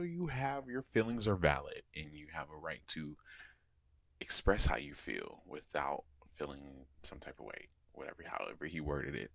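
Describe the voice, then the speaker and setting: Deep-voiced man telling a frank story. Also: dry recording, studio quality. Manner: frank, animated, swears casually. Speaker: podcast host. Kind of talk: candid personal storytelling monologue.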